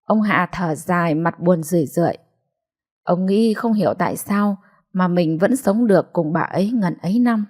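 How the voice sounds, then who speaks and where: A woman narrating a family story in a steady, measured storytelling voice. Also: lowish voice. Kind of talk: scripted narration.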